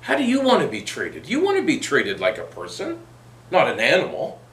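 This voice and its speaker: Brief: man as a fussy, motherly lady show host, lively swooping delivery, echoey room. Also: medium pitch, fairly quick. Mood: lecturing. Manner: fussy, motherly, sighing "oh dear". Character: prim, religious woman advice-show host. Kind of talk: comedy sketch.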